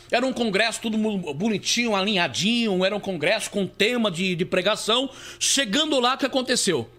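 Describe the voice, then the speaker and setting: A man's voice: high voice, a bit bright. A man with a Brazilian Portuguese accent, a bishop giving a live preaching testimony, repeating himself and calling listeners beloved. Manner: repetitive, calls listeners "beloved", many restarts.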